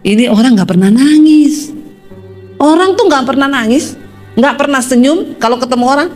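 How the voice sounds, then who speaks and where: A woman pastor preaching in a lively, humorous, storytelling way, often turning to address the congregation directly. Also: high voice, normal speed, soft background music. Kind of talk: sermon with storytelling.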